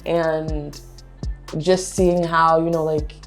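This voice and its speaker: A young woman from Pennsylvania, a guest in a relaxed interview, talking with frequent "um"s and laughs. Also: sits low, slow, soft background music. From Pennsylvania, United States. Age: young adult. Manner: chatty, laughs often, fillers like um and you know. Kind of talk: casual interview chat.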